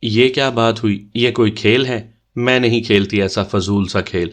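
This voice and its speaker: A man's voice: lowish voice, fairly bright tone, natural voice. A man voicing a spirited young woman who protests indignantly at being made to play a silly game. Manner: indignant, huffy.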